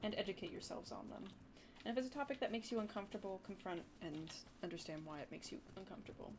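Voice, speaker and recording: A young livestreamer with a Wisconsin accent chats casually with her viewers, rambling between topics and using lots of "like" and "dude." Her mid-range voice is expressive and quick, with background noise in the recording.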